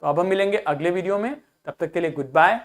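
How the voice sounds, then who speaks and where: A woman teaches English, reading a text slowly word by word, translating each line into Hindi and asking her students how words are read. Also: fairly low pitch. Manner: reads slowly word by word, then translates and asks questions.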